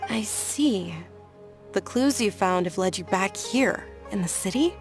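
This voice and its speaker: A woman voicing a gentle, perceptive young noblewoman in a game, speaking softly, politely and measuredly. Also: medium pitch, animated, measured pace, close to an everyday voice. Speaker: game character. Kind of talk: game voice acting. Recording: game cutscene with clear music.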